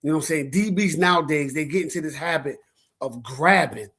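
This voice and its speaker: A man's voice: a little high, fairly quick, fairly bright tone, slightly rough. A man hosting a casual sports commentary livestream, talking in slang and repeating words when he gets worked up. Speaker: sports show host.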